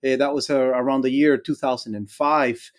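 As an interview guest, this academic engineer and extension specialist from Guatemala speaks at a normal speed in a steady, mid-range voice. The middle-aged man has a Guatemalan Spanish accent and replies conversationally, his phrasing halting and restarting.

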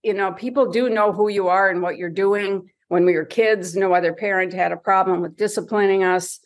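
A woman's voice: mid-range voice, steady tone, brisk. A woman from Michigan's Upper Peninsula answering interview questions in a candid, reflective, conversational way. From Michigan's Upper Peninsula, United States. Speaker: interview guest, retired or career diplomat.

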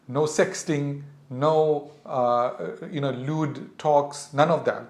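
In a roomy-sounding space, a middle-aged podcast host with a South African accent reflects aloud, giving parents sincere guidance. His mid-range voice has a darkish tone.

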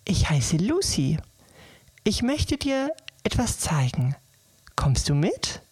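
A woman voicing a tiny cheerful female fairy in a bedtime story, speaking softly and gently with a breathy voice. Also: fairly low pitch, sing-song, slow pace, dry recording, exaggerated voice. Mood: gentle reassuring. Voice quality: soft, breathy. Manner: gentle, coaxing, lilting.

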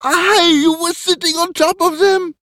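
Here is a fussy, vain old stage actor, voiced by a man in a one-man radio play, frantic about his props and his cue. His voice sits low but leaps into shrill, theatrical bursts. It is recorded close and dry, with no room sound. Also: sing-song, unhurried, dry recording. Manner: frantic, theatrical, high-pitched outbursts.

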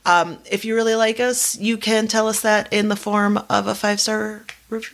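A woman's voice: mid-range voice, level tone, moderate pace, a bit bright. A young adult woman co-hosting a podcast in casual chat, talkative, swearing freely and laughing often. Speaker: podcast co-host.

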